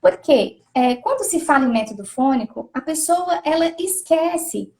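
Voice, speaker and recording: A woman's voice: high voice, lively intonation, a little slow, a little mellow. A woman educator explaining reading methods in a thoughtful conversational way, often restarting and repeating words. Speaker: literacy educator.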